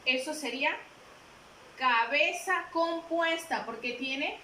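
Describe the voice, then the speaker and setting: A female teacher gives a classroom lesson, patiently repeating herself and quizzing those listening. She speaks slowly in a high, bright voice, and the audio sounds roomy with faint noise behind it.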